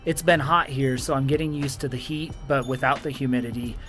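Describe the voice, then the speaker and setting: A middle-aged man hosting a casual vlog outdoors, talking in a relaxed, rambling way with many ums and uhs. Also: mid-range voice, brisk, faint music behind. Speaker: vlog host. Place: outdoors in a mountain town.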